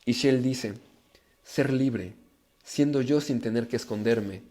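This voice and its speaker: A man giving an emphatic, animated live talk as a personal growth speaker, reading viewer comments and speaking directly to his audience. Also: medium pitch, slow pace.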